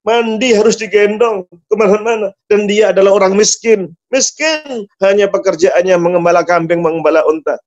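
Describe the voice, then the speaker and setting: A man preaching to a congregation, telling a story with dramatic, emotional swings. His voice sits high, and the recording is dull and lo-fi. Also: normal speed. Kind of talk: storytelling sermon. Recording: dull lo-fi sound.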